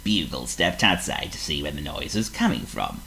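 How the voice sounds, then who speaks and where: A man reading a children's story aloud as storyteller, slow and expressive. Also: rumbling low, vocal fry, slight background noise, poor audio.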